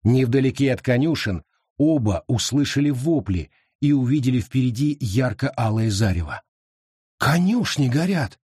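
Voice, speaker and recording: A man narrating a horror audiobook in a slow, expressive storytelling manner. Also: medium pitch, slightly rough, dry recording, clean studio sound.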